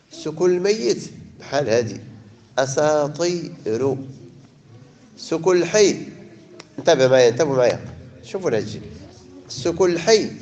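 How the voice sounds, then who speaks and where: A man's voice: medium pitch, darkish tone. Moroccan man teaching Quran recitation. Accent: Moroccan Arabic. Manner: switches between slow, drawn-out verse recitation and brisk explanations to students. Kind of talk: tajweed lesson.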